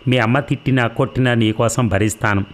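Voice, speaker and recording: A man's voice: mid-range voice, fairly even intonation, a little fast, natural voice. A man voicing a young woman in love, pleading and tearful, in an emotional reading of a novel.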